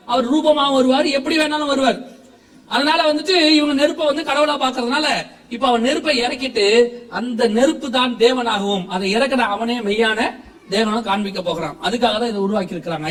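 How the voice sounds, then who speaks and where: A man with a strikingly high voice preaches in Tamil with a Tamil accent, throwing questions to his listeners and laughing along. He sounds a little far from the mic, in an echoey church hall. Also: brisk. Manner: lively, questioning the congregation, frequent laughter. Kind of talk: sermon.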